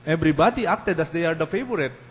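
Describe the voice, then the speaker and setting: Priest preaching in an echoey church. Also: male voice, medium pitch, a little slow. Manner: switches between Tagalog and English mid-sentence; earnest, pastoral, addresses the congregation directly. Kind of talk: Sunday Mass homily. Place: parish church. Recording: echoey church with faint hum.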